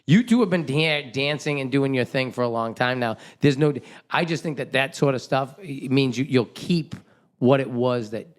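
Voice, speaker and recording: A man hosting a casual podcast chat, animated and joking, swearing freely and laughing often. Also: mid-range voice, moderate pace. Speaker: podcast host.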